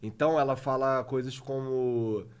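A man's voice: mid-range voice, steady tone, normal speed, clear, resonant tone. A man hosting a podcast in casual chat, slangy and joking as he tells stories about his daughter. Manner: slangy, jokey storyteller.

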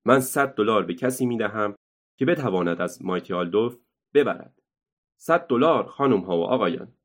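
A man voicing a loud, boastful, quick-tempered male circus ringmaster who announces like a showman in a storybook reading. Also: fairly low pitch, expressive, natural voice.

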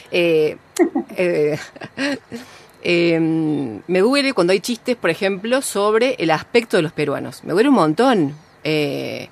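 A woman from Peru hosting a casual conversation, effusive and quick to affirm, often ending with tag questions. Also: fairly low pitch, big pitch swings, vocal fry. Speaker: host. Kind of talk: casual chat.

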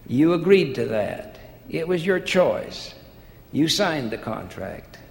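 A man's voice: on the high side, big pitch swings, slow, gravelly, exaggerated voice. A man voicing a stern male creditor in a parable, speaking in a firm, unbending way. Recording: echoey hall with faint hiss.

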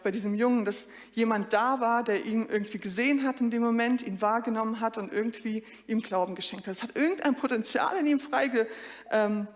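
A woman preacher giving a sermon, telling a lively story and addressing the congregation directly. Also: a little high, in a large hall.

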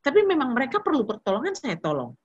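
A woman in her fifties preaches in a chatty, storytelling way, dropping slang and English words. Her voice is husky and pitched fairly high, and it moves up and down a great deal. The recording sounds a little dull and lo-fi. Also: wildly swooping pitch, fast talker. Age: 50s. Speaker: preacher speaking to young people. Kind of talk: casual sermon with personal stories.

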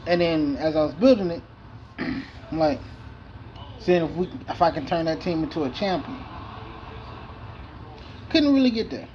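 A man with a somewhat high voice talks in a loose, rambling way, swearing freely and restarting his sentences. He chats casually about his game, and a faint hum of room noise sits behind him. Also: normal speed, long pauses, dull audio. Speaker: video game player. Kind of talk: casual gameplay commentary.

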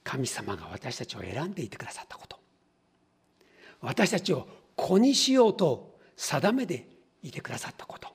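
Husky-voiced man preaching with lively pitch. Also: moderate pace. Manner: teacherly, poses questions to the congregation; acts out little everyday scenes in different voices. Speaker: pastor. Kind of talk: sermon.

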